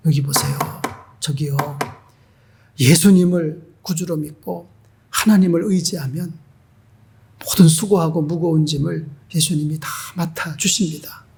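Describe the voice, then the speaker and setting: A pastor acting out a calm, earnest missionary who speaks gently and persuasively. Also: male voice, a little high, measured pace, creaky, slight background noise.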